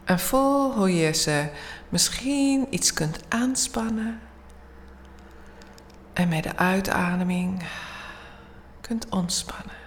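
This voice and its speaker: A woman leading a guided bedtime meditation in a soothing, hushed, often near-whispered voice with long pauses. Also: medium pitch, slight background noise. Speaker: guided relaxation instructor.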